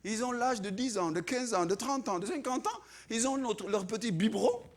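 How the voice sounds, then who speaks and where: A male pastor preaching with a lively, bouncing voice that climbs high and drops low. He sits a little above the usual male pitch and talks in a dramatic, animated way. He acts out quoted voices and moves between loud bursts and quiet asides. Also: normal speed, noisy background. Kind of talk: sermon.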